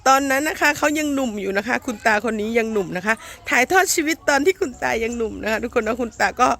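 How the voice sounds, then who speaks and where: High-pitched woman, playful mock-documentary narrator. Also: expressive, quick pace, creaky, a bit bright. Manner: playful, mock-earnest presenting with polite sentence endings. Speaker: host and narrator of a homemade comic skit. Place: outdoors in a rural garden. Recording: noisy outdoor amateur recording.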